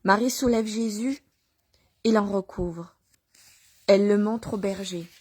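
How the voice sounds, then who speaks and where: A woman reading a religious nativity story aloud at a measured pace, with pauses and small restarts. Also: medium pitch, darkish tone, no room sound. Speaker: reader.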